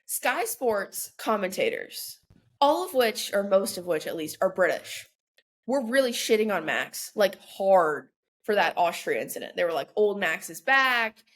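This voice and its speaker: A woman's voice: medium pitch, very animated. A young woman co-hosting a casual podcast, chatty and opinionated, with lots of "like" fillers. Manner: chatty, full of "like" fillers, quick to vent. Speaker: podcast co-host. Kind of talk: casual chat.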